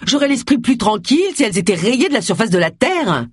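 A reader voicing a sharp-tongued, irritable middle-aged woman detective in an audiobook. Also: medium pitch, big pitch swings, fairly quick, breathy edge, no room sound, clean studio sound. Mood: exasperated. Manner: sharp, exasperated.

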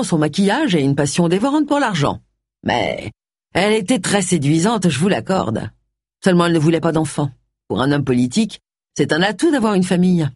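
A leering older male politician from an audiobook, smug and suggestive, as a woman reader puts him on. The husky, fairly low voice rises and falls a lot. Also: darkish tone, no room sound, studio quality, heavily acted.

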